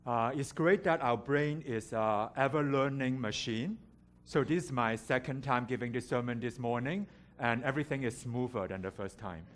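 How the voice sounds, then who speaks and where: Speaking at a normal speed in a medium-pitched voice, a Hong Kong-raised man delivers a storytelling sermon as a guest preacher in a church sanctuary. He is candid, lightly humorous and self-deprecating, and there is slight background noise.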